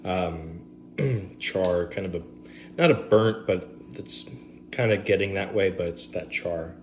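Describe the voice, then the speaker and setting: A man's voice: low-pitched, slow, a little hiss or hum. A man, casually reviewing bourbons on camera at home, rambling with fillers and asides.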